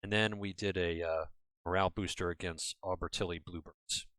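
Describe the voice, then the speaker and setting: A man's voice: low voice, fairly even intonation, moderate pace, a bit bright, clear, resonant tone, no echo. An American man hosting a casual game commentary from home, chatty and rambling, often correcting himself. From United States. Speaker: gaming channel host. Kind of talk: casual let's-play commentary.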